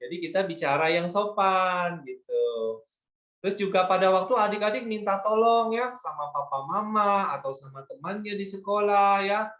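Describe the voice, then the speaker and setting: A man's voice: sits high, animated, moderate pace, a bit bright, roomy sound, dull audio. A man teaching an online Sunday school lesson to children, patient and coaxing, often asking them to agree.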